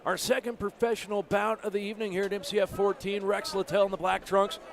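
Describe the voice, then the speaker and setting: A man's voice: high voice, little pitch movement, fast. A man giving live play-by-play commentary as host of a mixed martial arts broadcast. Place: live fight event venue.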